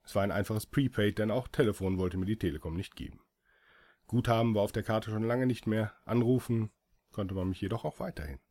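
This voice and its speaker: Man, audiobook narrator, first-person story, dry ironic tone, fairly low voice. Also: warm tone. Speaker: audiobook reader.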